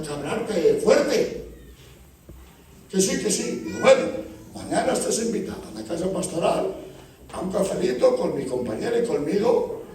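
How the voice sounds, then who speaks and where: High-voiced preaching man, echoey. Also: darkish tone, slight background noise. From Spain. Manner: storytelling, acts out dialogue with church members. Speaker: pastor. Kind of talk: sermon. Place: church. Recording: echoey church hall from far off.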